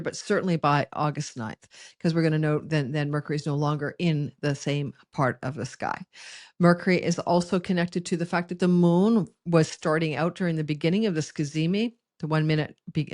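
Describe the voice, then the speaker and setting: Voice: mid-range voice, darkish tone, no room sound, clean studio sound. An astrologer giving a forecast monologue in a rambling, conversational way, with frequent restarts and asides.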